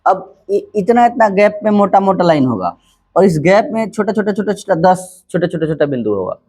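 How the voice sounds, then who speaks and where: A man teaches school maths in an easygoing classroom style, taking his time over each step. He keeps putting questions to the class and then answering them himself. His voice sits a little high for a man. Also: husky. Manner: calm, unhurried, asks and answers his own questions. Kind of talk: casual classroom maths lesson.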